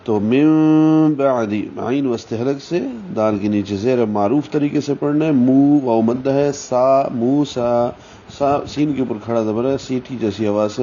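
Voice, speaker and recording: A man teaching Quran recitation, explaining each letter slowly and deliberately, and sounding out syllables as models. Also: mid-range voice, mellow. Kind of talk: tajweed lesson, explaining pronunciation. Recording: dull, slightly muffled sound with faint hiss.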